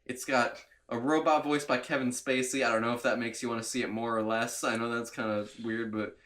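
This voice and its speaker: A man's voice: mid-range voice, level tone, fairly quick, fairly bright tone. Rambling, enthusiastic young man. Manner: rambling, enthusiastic, laughs often. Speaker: podcast co-host. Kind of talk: casual movie podcast chat.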